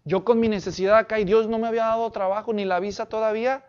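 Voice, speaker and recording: A man's voice: high-pitched, steady tone, fast, a little mellow, clear, resonant tone, highs cut off. A man preaching a sermon as pastor, emphatic and often asking the congregation questions.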